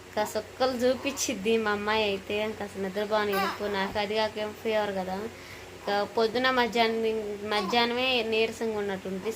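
A woman's voice: mid-range voice, noisy background. A young woman, a new mother, talking casually to viewers at home at night, sounding weary and feverish from lack of sleep. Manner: tired, complaining, talking straight to viewers. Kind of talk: casual home vlog chat.

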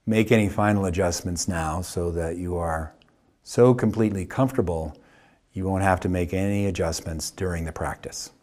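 A yoga teacher with a husky, low voice talks listeners through a guided meditation. He speaks calmly, in short phrases, never hurrying, and pauses at length.

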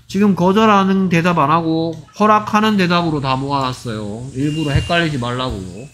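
A man teaching English to middle school students, repeating example phrases slowly and acting out short dialogues. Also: fairly high pitch, fairly bright tone, slight background noise. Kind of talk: exam-prep lecture.

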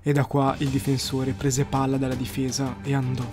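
A young man still in school, commentating his own football video game match at home at night. He talks excitably, repeats phrases and bursts into shouts whenever a goal goes in. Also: mid-range voice, normal speed, music in the background. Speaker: gaming YouTuber.

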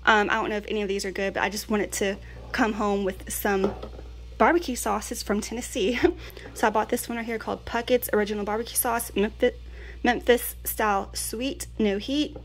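A woman's voice: mid-range voice, fairly even intonation, moderate pace. A middle-aged woman from Louisiana, chatting casually through a pantry haul and keeping in touch with her viewers. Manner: chatty, keeps checking in with the viewers. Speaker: vlogger.

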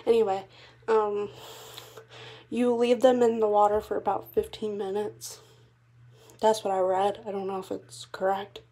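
A woman's voice: medium pitch, level tone, unhurried, pauses often, dark tone. A young woman chatting casually in a pet vlog from her messy bedroom, a bit out of breath and unwell, rambling with lots of fillers. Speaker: vlogger.

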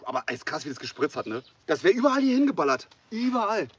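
An animated man with a high voice hosts a challenge, reacting with exclamations as he chats. The recording is outdoors, slightly muffled with some background noise. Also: fast talker, recorded from a distance. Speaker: challenge host. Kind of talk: casual outdoor challenge chat. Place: outdoors by a log cabin in woodland.

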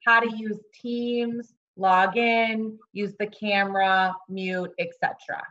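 A woman's voice: medium pitch, steady tone, slow pace, a bit bright. A woman moderating a virtual town hall, reading audience questions aloud over a video call. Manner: plain, reads questions aloud. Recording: dull lo-fi call audio.

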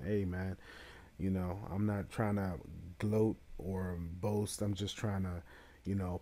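A young man talking casually to camera, giving his review of a certification exam, relaxed and chatty with many fillers. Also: low voice.

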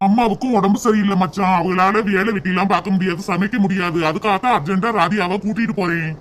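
A man voicing a polite, hurried young husband in a cartoon, with a matter-of-fact manner. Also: high voice, fairly even intonation, a bit bright, slight background noise.

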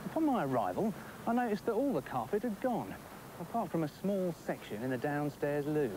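Deadpan dad on worn hissy VHS tape. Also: male voice, on the high side, fairly quick. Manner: formal, mock-official deadpan. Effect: worn VHS tape copy with hiss. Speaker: father telling a bedtime story in an advert. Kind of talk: deadpan police-report storytelling.

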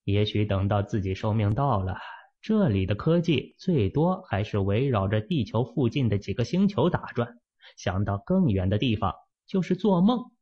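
With a voice on the low side and slightly rough, a man reads a fantasy novel as an audiobook in a steady, measured narrative style. The recording is lo-fi and muffled.

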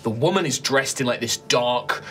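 A middle-aged man narrating a tabletop game as game master in a halting, conversational, descriptive way. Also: mid-range voice, pushed and bright, a little hiss or hum.

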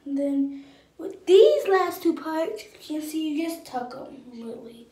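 A woman's voice: high voice, very animated, a little slow, dark tone, echoey room, distant mic. A young woman, chatting playfully and rambling while doing her hair for her vlog. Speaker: vlogger.

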